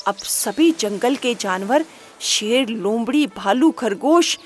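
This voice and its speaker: A woman narrating a children's moral story in a lively, expressive way, asking the listener rhetorical questions. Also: a little high, slow.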